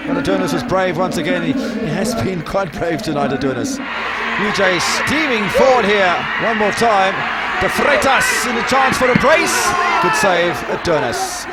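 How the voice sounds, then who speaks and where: A man giving excitable live play-by-play football commentary, raising his voice as attacks build. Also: sits high, measured pace, very noisy. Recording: loud crowd and music behind commentary. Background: loud crowd and music.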